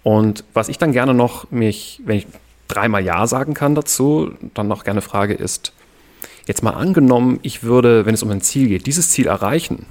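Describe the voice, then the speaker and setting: A man in a podcast conversation, calmly explaining ideas step by step as a guest coach. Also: mid-range voice. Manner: calm, explanatory, measured.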